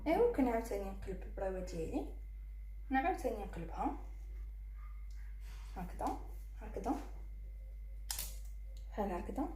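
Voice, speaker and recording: A woman's voice: medium pitch, very animated, normal speed, pauses often, dark tone, echoey room, slight background noise. A woman with a Moroccan Arabic accent hosting a cooking tutorial, talking viewers through each fold as she works. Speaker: cooking channel host.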